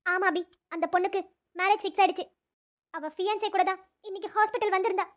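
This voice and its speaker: A woman's voice: very high voice, steady tone, quick pace. A woman voicing an earnest young cartoon doctor. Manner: earnest, persuasive. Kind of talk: cartoon voice acting.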